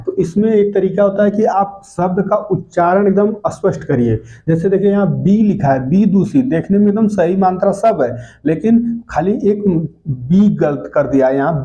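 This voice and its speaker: Man, teacher, mellow voice, repeats words slowly, dull lo-fi sound. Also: high voice. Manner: explains step by step, repeats each correct word slowly. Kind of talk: spelling lesson lecture. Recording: dull lo-fi recording.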